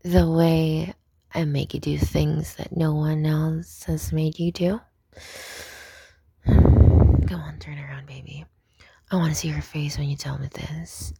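A young woman whispering close to the mic in an intimate roleplay, soft, coaxing and dominant. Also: deep voice, level tone, measured pace, creaky, slight background noise. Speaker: audio roleplay performer.

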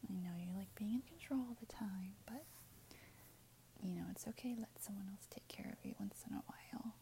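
A woman speaking in a soft, soothing unvoiced whisper in an ASMR roleplay, gentle and caring. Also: medium pitch, a little fast, slight background noise.

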